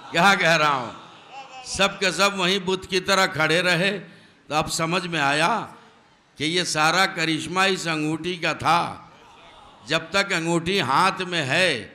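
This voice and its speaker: A man's voice: on the high side, bright, forceful tone. A male preacher giving a religious sermon, emphatic and full of rhetorical questions, often asking the audience whether they are paying attention. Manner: addresses audience directly, demanding attention.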